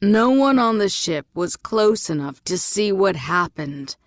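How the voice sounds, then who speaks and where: A woman reading the part of a stern aging king, speaking in a grave, low and measured way. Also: a little mellow, clear, resonant tone, dry recording, clean studio sound. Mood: stubborn.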